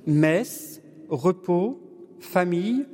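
Slow-spoken man leading a parish evening. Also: high voice, expressive. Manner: slow, measured and gently humorous. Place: church or parish hall with long reverb. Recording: long hall reverb, distant room mic.

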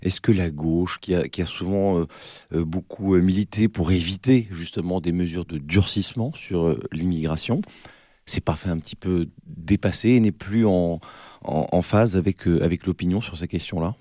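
A man with a French accent from France hosting a political debate, his gravelly, hollow voice hoarse from a cold. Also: sits low, normal speed, mellow, no room sound. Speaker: debate show host.

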